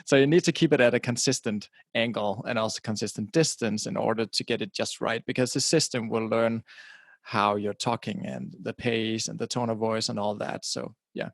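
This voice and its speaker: Speaking into a directional podcast mic held close, this website publisher from Denmark, middle-aged and a native Danish speaker rather than English, guests casually on a show. His voice is lowish with vocal fry, a steady tone and normal speed, he restarts phrases by repeating words, laughs occasionally, and the recording is dry.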